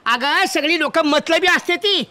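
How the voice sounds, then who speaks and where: A man's voice: extremely high pitch, a little slow, bright, forceful tone, full character voice. An actor playing a grumbling, hungry old village farmer who scolds his wife. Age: older. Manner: scolding, complaining. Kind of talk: village comedy acting.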